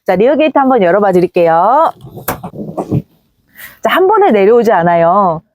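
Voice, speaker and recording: A woman giving a polished, upbeat used-car sales pitch, presenting a vehicle like a slick dealer. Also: big pitch swings, moderate pace, darkish tone, a little hiss or hum.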